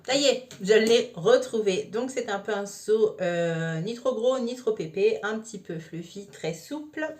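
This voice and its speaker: A woman's voice: mid-range voice, animated, measured pace, darkish tone. Makeup vlogger, woman, easygoing step-by-step explainer, mid-range voice. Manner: chatty, explains each step with many fillers. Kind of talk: casual makeup tutorial.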